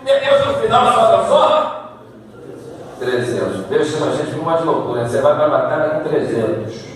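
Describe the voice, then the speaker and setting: A man with a Brazilian Portuguese accent preaching a sermon, swinging from low asides to shouted climaxes. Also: a little hiss or hum. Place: church sanctuary. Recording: echoey church hall, distant mic.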